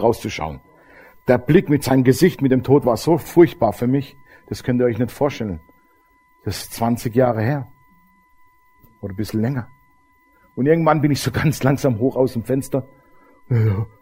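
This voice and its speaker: A man's voice: mid-range voice, brisk, long pauses, mellow, breathy edge. A middle-aged man, preaching a testimony sermon and telling his story straight to the congregation. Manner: storytelling, addresses the audience directly.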